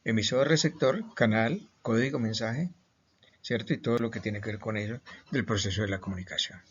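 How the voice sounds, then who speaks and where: A man from Colombia delivers a recorded online lesson in a lowish voice at a fairly quick pace, with a little hiss or hum on the track. The lo-fi audio is slightly muffled, and he stresses each point through questions and repeated words.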